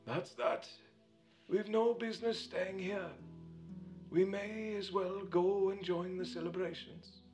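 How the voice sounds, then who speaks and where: A man's voice: sits high, fairly even intonation, soft background music, voice pushed up. A man doing Dumbledore, a wry old wizard. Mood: subdued. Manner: gentle, wry, unhurried. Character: old wise male headmaster, calm and dry. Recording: dull lo-fi recording.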